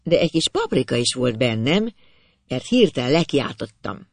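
Lively gravelly storybook narrator. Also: medium pitch, no room sound. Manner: expressive first-person storytelling.

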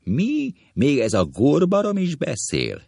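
A man voicing a petty, quarrelsome gentleman in a comic sketch, shouting insults in sudden shrill leaps. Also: very animated, creaky, no room sound, clean studio sound, exaggerated voice. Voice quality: shrill jumps into high shouts. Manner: insulting, quick to kick. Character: squabbling man bent on a duel, shrill.

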